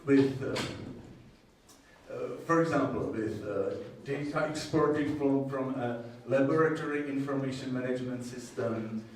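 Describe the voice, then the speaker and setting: In a Czech accent, a presenter from the Czech Republic who models groundwater at a university walks through technical conference material, slow and halting, his medium-pitched phrases interrupted by many long pauses. He's recorded from afar in a very echoey indoor presentation room, with a little background noise.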